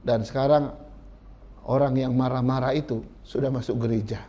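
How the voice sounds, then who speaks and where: A man's voice: medium pitch, steady tone, moderate pace, warm tone. A male pastor preaching a sermon in a church, telling stories dramatically and addressing the congregation directly. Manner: dramatic storytelling, addresses listeners as brothers and sisters.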